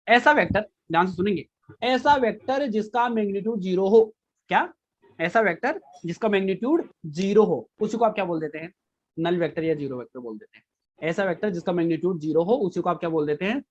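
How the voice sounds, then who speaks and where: A man's voice: a little high, dull audio. A man teaching a physics class, repeating key points and quizzing his students with frequent questions. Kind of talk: live online class lecture.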